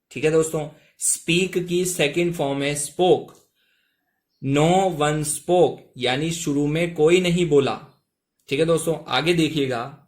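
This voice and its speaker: A man teaching English reading in Hindi, reading each English line slowly, then explaining it word by word. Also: on the high side. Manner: repeats "ठीक है दोस्तों", reads English lines very slowly.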